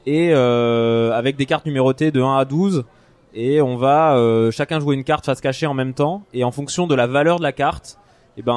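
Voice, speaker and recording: A man's voice: mid-range voice, a little mellow, clean tone, no room sound. A man giving a casual board game review as a podcast panelist, searching for his words as he explains.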